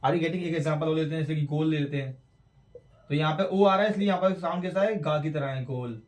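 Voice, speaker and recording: Guy teaching letter sounds at a board, says each word a few times, bit far from the mic. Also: a little high. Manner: slow, repeats words for drill, stresses sounds. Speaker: English pronunciation teacher. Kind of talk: classroom lesson explaining at a board. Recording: roomy echo, mic away from speaker.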